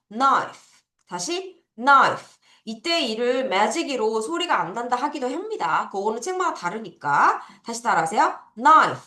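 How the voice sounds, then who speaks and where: A woman teaches a children's vocabulary lesson with a bright, clear tone, leading slow repeat-after-me drills. Her pitch moves around a lot, and she sits slightly high for a woman. The sound carries a noticeable room echo. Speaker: English teacher. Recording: echoey room.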